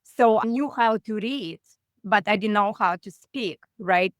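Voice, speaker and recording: Russian-accented woman, 40s, guest over video call; halting, filler-heavy, clear, dry. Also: medium pitch, no room sound. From Russia (far east). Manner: halting, many "like" fillers, simplified grammar.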